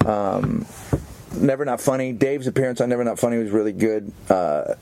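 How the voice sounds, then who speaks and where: A man's voice: on the low side, vocal fry, background noise. A man co-hosting a casual comedy podcast, joking and rambling through banter. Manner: joking, does quick silly character voices. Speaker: podcast co-host.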